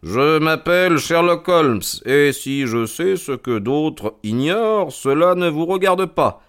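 A man doing a smooth, self-assured detective. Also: a little high, expressive, slow, pitched above the performer's own voice. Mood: suave. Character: suave, sharp male detective.

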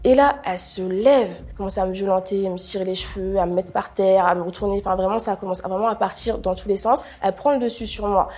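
Fast-talking husky young Frenchwoman. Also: mid-range voice. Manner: animated storytelling, acting out others' quoted lines. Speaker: person recounting a personal ordeal. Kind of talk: casual first-person testimony.

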